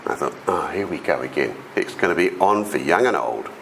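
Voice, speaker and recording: This middle-aged man's bass voice is brisk and gravelly as he tells personal stories to a conference hall audience. Originally from South Australia, he has an Australian accent and a big voice, and his animated storytelling presentation includes acted-out voices of people he quotes. A little hiss or hum can be heard.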